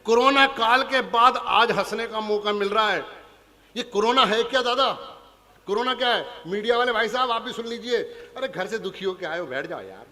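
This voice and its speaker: High, bright-voiced stage comic poet. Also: male voice, moderate pace, big-room sound. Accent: Punjabi. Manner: chatty, teasing the audience. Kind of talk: stand-up comic poetry recital. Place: large hall before a live audience.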